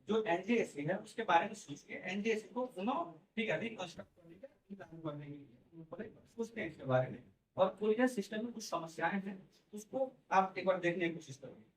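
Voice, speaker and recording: A male teacher, his voice pitched high for a man, lectures the class point by point and keeps checking in with his students, repeating "theek hai" and "hai na." He speaks without a microphone at a distance from the recorder, so the room's echo surrounds him.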